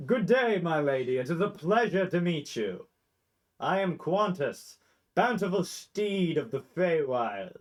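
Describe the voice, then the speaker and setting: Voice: mid-range voice, very animated, a little slow, voice pushed up. A game master voicing a formal, eager male blink dog shaped like a borzoi, who speaks in a polite, old-fashioned way. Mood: courtly. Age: older.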